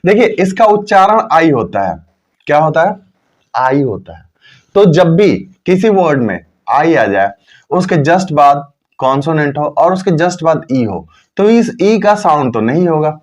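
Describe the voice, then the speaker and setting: A man teaching English pronunciation rules in a lesson, repeating key words slowly and asking and answering his own questions. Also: fairly high pitch, very animated. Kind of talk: Hindi lesson explaining English spelling rules.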